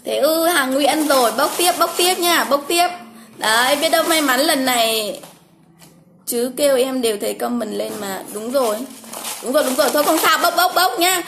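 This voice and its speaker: A woman's voice: sits high, animated, moderate pace, fairly bright tone, a little hiss or hum. A woman, hosting a casual livestream from home, chatty, calling names over and over with frequent exclamations. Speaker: livestream host drawing giveaway winners.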